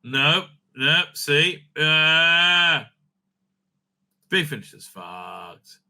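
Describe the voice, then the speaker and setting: A man hosting a video offers unscripted, opinionated commentary laced with profanity, stammering and repeating himself excitedly. His voice sits on the high side, and he draws out his words.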